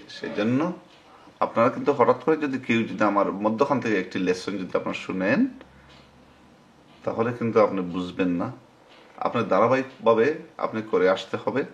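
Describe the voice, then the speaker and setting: A man teaching Quran recitation in a screen-recorded lesson, sounding out syllables slowly and repeating them. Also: lowish voice, lo-fi sound.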